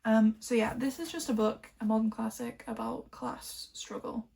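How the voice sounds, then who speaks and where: A woman from Liverpool chatting casually about books she collected, rambling and filling pauses with "um" and "like". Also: on the high side, fairly even intonation, creaky, a little mellow. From Liverpool, England. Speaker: book vlogger.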